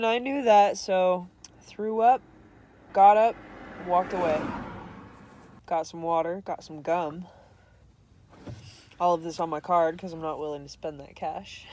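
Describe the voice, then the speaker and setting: A woman's voice: medium pitch, a little mellow. A young woman vlogger telling a candid, self-deprecating story to camera, laughing often.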